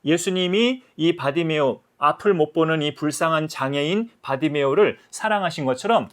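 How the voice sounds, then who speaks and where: A man preaching a Sunday school sermon, gently telling a story to children. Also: a little high, moderate pace. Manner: gentle, addressing children as friends.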